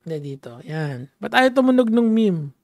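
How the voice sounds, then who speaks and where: A man's voice: high voice, very animated, normal speed, vocal fry, a little mellow, no room sound. A man giving casual commentary, chatty and full of fillers and restarts, switching back and forth between languages. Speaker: commentary vlogger.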